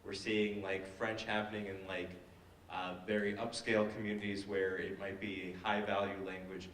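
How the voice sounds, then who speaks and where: A man's voice: on the low side, flat delivery, normal speed, fairly bright tone, recorded from a distance, a little hiss or hum. A man speaking on a panel discussion, hesitant with many fillers and restarts. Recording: echoey hall, voice from afar.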